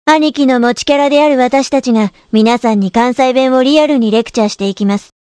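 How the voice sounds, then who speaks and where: A woman voicing a brisk, teasing big-sister instructor with a Kansai accent. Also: sits high, darkish tone, dry recording, clean studio sound, lightly acted. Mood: bossy.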